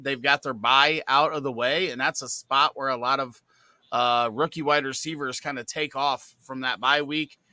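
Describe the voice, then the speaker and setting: Bright, dry-voiced man hosting a casual stream. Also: medium pitch, clear, resonant tone, no room sound. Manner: relaxed, easygoing, with fillers. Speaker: podcast co-host reading viewer questions. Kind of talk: casual live Q&A chat.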